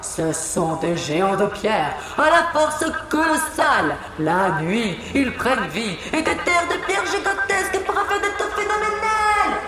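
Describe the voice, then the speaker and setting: A performer voicing a showy stadium announcer in a children's audio story, heard booming over huge loudspeakers and calling out introductions with sing-song flourishes. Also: big pitch swings, a little slow, hardly any pauses. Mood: showy announcing. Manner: grand, sing-song introductions with bursts of shouting. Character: showy, theatrical tournament announcer. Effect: amplified announcer voice booming over huge stadium loudspeakers. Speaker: stadium announcer at an intergalactic contest. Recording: echoey loudspeaker sound with music.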